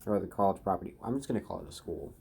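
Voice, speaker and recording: A man's voice: sits low, animated, very fast, creaky, dark tone, slightly rough. A man improvising a fan story, rambling with many fillers and restarts.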